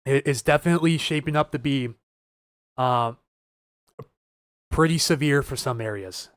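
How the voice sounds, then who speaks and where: A man's voice: medium pitch, moderate pace, no room sound, clean studio sound. A man hosting a live weather stream, talking casually and urgently to viewers, nervous and earnest. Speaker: weather livestream host.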